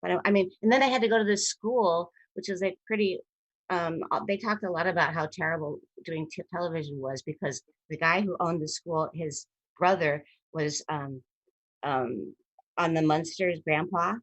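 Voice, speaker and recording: A woman in her fifties, an actress being interviewed over a video call, telling rambling, animated stories from her career and often breaking off mid-sentence. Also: on the low side, normal speed, dry recording. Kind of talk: casual storytelling interview.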